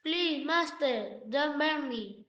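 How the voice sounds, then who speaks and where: Anxious female puppet voiced by a woman, unhurried delivery. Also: high voice, full character voice. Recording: echoey muffled room.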